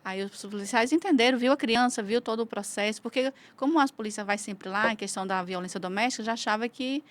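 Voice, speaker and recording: Fast-talking woman telling stories. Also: on the high side. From Federal District, Brazil. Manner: lively retelling of cases, acting out quoted dialogue. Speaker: community leader, guest. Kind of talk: casual interview storytelling.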